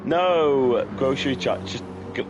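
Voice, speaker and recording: A man's voice: medium pitch, lively intonation, a little slow. A British man co-hosting a race stream, chatting casually, joking and laughing often, repeating himself as he talks. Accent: British English. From Britain. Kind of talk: casual banter over race commentary. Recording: dull lo-fi sound with clear noise.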